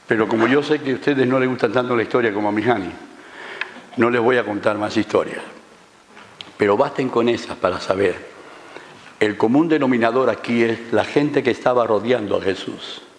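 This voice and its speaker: A man's voice: medium pitch, moderate pace, a little hiss or hum. A man preaching a sermon, telling the story and asking the congregation questions. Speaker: pastor. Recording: reverberant church hall.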